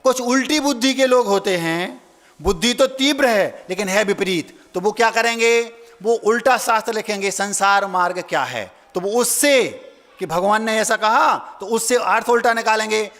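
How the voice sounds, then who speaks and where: High-voiced storytelling preacher man. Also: moderate pace, a bit bright. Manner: folksy storytelling, acts out family voices, asks the crowd questions. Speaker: Jain monk preacher. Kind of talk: storytelling sermon. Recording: hall reverb.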